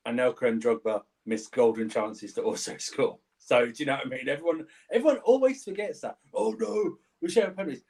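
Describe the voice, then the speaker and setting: A man on a football podcast panel, talking in an animated way, laughing and repeating himself as he makes his points. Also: medium pitch, breathy edge. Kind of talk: casual football chat.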